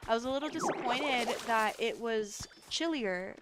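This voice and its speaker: A woman's voice: on the high side, lively intonation, normal speed, very noisy. A woman streamer chatting casually and profanely with her viewers, laughing often. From South Florida. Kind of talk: casual livestream chat with viewers. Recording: loud background music. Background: loud music.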